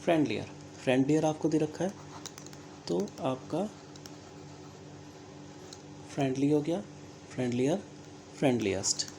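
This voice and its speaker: A teacher with an Indian English accent explaining English grammar step by step, talking slowly and deliberately, spelling words out letter by letter and often checking understanding. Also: medium pitch, animated, darkish tone, a little hiss or hum. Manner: slow, deliberate, checks understanding with frequent "theek hai". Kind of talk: recorded classroom-style grammar lesson.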